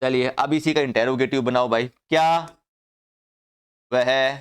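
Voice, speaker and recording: Clear-voiced man teaching grammar. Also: medium pitch, steady tone, measured pace. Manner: repeats questions to the class and answers himself, coaxing. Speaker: English teacher. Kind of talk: classroom grammar lesson.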